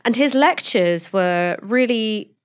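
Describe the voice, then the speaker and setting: A woman co-hosting a casual panel discussion, telling stories in an animated, candid way. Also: mid-range voice, slow pace, clean tone. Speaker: co-host.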